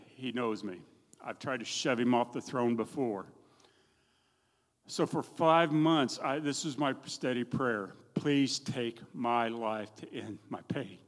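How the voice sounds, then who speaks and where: A middle-aged man giving a plain-spoken, folksy personal testimony in a church, telling his story with a self-deprecating edge. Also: medium pitch. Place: church hall. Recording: long reverb of a church hall.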